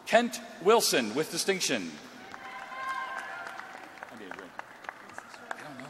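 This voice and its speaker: A man with a high, bright voice calls graduates' names slowly into a podium microphone, his pitch swinging up and down between names. His voice rings through a large hall with a long reverb, and a crowd murmurs underneath. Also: slight background noise. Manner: slow, drawn-out announcing of each name. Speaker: commencement name reader. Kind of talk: reading graduates' names at a ceremony.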